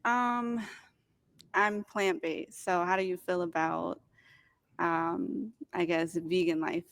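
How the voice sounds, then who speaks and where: A woman's voice: fairly low pitch, steady tone, slow pace, gravelly, a bit bright, dry recording. Woman on a dating show, hesitant questions, lotsa ums, dry sound.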